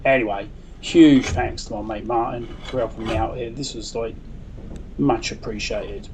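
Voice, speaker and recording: A man's voice: mid-range voice, steady tone, moderate pace. A man explaining a building project in casual, conversational, loosely structured vlog talk, correcting himself as he goes. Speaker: DIY build vlogger. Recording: faint background noise.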